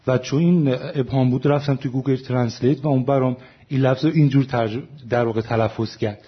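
A man's voice: mid-range voice, steady tone, husky, dull audio. A man, a translator, explaining his choices in an academic panel discussion, often stopping to correct himself. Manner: explanatory, frequent self-corrections and fillers.

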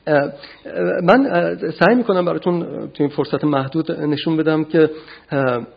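A man giving an academic philosophy lecture, measured and often pausing to gather his thoughts. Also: fairly high pitch, gravelly, husky, highs cut off. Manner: measured, frequent hesitations.

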